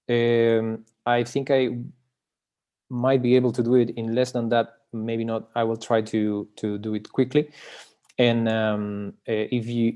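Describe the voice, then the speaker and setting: A man's voice: mid-range voice, warm tone. Hesitant man presenting his book. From Chile. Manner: hesitant, frequent filler sounds and restarts. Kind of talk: online academic presentation. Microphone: video call.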